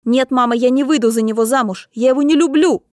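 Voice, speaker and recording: A woman's voice: high-pitched, fast talker, darkish tone, no room sound, clean studio sound, natural voice. A woman reading the part of a young heroine who answers her mother with trembling, indignant outbursts. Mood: defiant. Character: young heroine daughter, defiant and hurt. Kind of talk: audiobook character reading.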